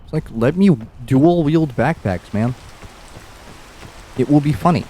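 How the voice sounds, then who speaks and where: A man's voice: a little high, lively intonation, a little slow, dark tone, a little hiss or hum. A young man streaming a game, rambling and musing aloud with easy chuckles as he plays. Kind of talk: casual gameplay commentary.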